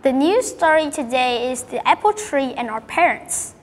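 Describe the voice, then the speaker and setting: A woman's voice: high-pitched, expressive, moderate pace, in a large hall, slight background noise. A woman hosting a storytelling show in an upbeat, scripted way. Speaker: host.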